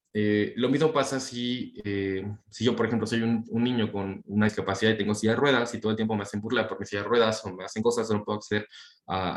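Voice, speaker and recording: A man's voice: on the low side, roomy sound. A young man, lecturing a university class in a conversational way, full of fillers and tag questions. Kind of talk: university talk on inclusive language.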